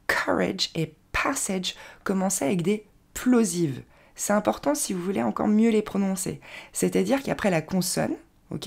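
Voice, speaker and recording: A woman with a low, slightly gravelly voice leads an English pronunciation lesson in French. Her intonation rises and falls a lot as she explains. She slows right down to demonstrate each word with care. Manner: clear, patient instruction with slow, careful demonstration of English words.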